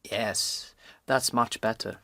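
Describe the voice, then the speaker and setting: A man's voice: fairly low pitch, steady tone, takes it slowly, vocal fry, bright, forceful tone, dry recording, exaggerated voice. Polite businessman, dry sound. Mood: polite, reasonable. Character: polite, reasonable businessman, colleague and air traveller. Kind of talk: scripted language-course dialogue.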